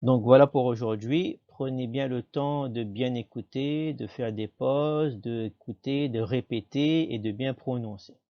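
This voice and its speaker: A man giving a patient pronunciation lesson, saying each word slowly and then repeating it for the learner. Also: mid-range voice, dull audio. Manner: patient, models words slowly and repeats them. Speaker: teacher.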